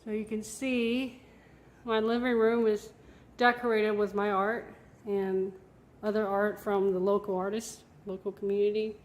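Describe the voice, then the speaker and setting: A woman's voice: medium pitch, little pitch movement, measured pace. A young woman from Taiwan, an artist and photographer chatting casually on a tour of her home, laughing lightly between thoughts. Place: at home, indoor rooms. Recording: roomy echo of a home.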